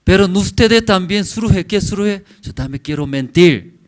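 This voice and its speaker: A man in his forties preaching a sermon in church. He speaks in short, halting phrases and keeps checking in with the congregation with questioning "mm?" tags. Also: high voice, lively intonation. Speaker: pastor.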